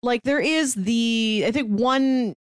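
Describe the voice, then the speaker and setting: A woman with a fairly high, clear, resonant voice takes her time as she co-hosts a podcast, chatting casually about books. She's articulate and acts out quotes to make her points, and the clean studio recording has no room sound.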